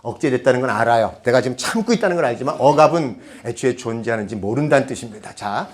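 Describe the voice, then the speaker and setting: A man's voice: mid-range voice, expressive, quick pace. A man giving a public lecture on parenting, speaking conversationally and often asking the audience rhetorical questions. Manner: switches to half-banmal, conversational asides.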